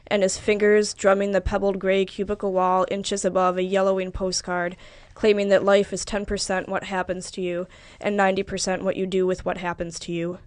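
A woman reading literary fiction aloud in a measured, even narration. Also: mid-range voice, clean tone, no echo. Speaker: reader.

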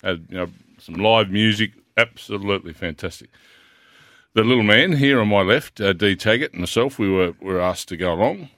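Brief: Australian male sports radio host, low forceful voice, dry studio, loose rambling chat. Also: lively intonation, normal speed, dry recording.

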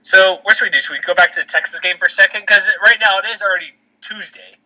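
Fast, sharp-voiced male podcast host, chatty, heard over a muffled phone line. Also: high-pitched. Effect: over a phone call. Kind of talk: casual sports chat.

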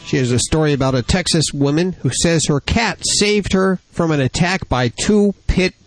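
A man with a fairly high voice hosts a radio show. He talks in a casual, conversational way, asking questions. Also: moderate pace, faint music behind. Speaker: radio host. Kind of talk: casual chat, interviewing.

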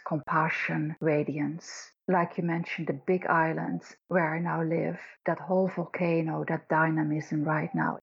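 Low, husky Dutch-accented woman. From Netherlands. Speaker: guest co-host, leadership coach. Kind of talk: podcast interview talk. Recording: dull lo-fi audio.

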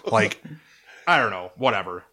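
Casual podcast co-host, male, lower voice, swears freely, rambles enthusiastically. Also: animated, moderate pace, sharp tone. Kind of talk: casual chat.

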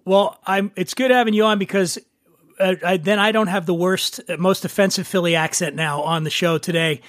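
A man's voice: high voice, steady tone, normal speed, fairly bright tone, no room sound, studio quality. A man hosting a casual chat show, joking and teasing his guests. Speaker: host.

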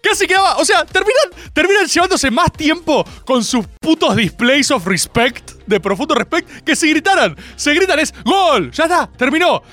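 Animated Argentine radio host. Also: male voice, normal speed, few pauses, faint music behind. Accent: Argentine Spanish. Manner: animated, sarcastic, jumps between high mock voices and low mutters. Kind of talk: casual comedic radio talk.

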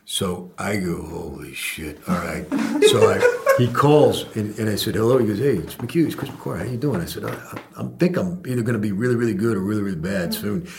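A man with a low, gravelly voice talks in an interview as an actor guest. He tells his stories with animation and acts out the lines he quotes, and a faint hiss sits under his voice. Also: lively intonation, brisk. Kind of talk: interview storytelling.

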